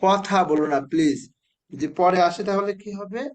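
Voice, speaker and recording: A man teaching a children's spelling class, with a slightly high voice. He speaks patiently and says each word slowly. He keeps asking the pupils to answer. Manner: patient, repeats words slowly and asks the children questions.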